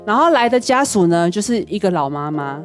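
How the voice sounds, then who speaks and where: A woman, an intensive care nurse, telling a hospital story as a guest on a TV talk show, earnest and animated. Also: mid-range voice, fairly quick, soft background music.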